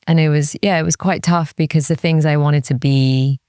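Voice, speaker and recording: This music industry executive, a woman from Cardiff in Wales, speaks as an interview guest with a deep, smooth, dark-toned voice at a moderate pace and fairly even intonation. The studio recording is clean, without echo. Her conversation is serious, reflective and candid, full of "like," and she frequently voices her thoughts as quotes.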